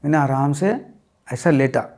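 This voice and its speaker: A man, an interview guest, recounts a personal spiritual experience in halting, repetitive speech that mixes in English words. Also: on the high side, a little mellow.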